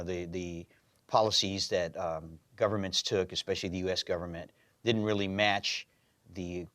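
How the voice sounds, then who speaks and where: Deep-voiced man in his fifties. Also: no echo. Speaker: guest, community activist. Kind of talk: TV studio interview.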